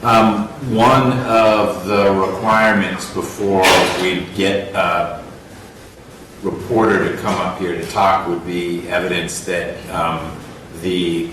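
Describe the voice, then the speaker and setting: A man presiding as judge over a court hearing, speaking in a measured, wry way with halting fillers. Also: low-pitched. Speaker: trial judge. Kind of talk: courtroom proceedings. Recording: distant roomy courtroom audio with noise.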